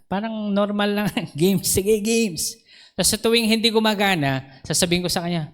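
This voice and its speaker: A male pastor with a Filipino accent delivers a lively storytelling sermon at a church service. His voice sits a little high for a man. He laughs often and acts out the dialogue in his stories. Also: moderate pace. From Philippines.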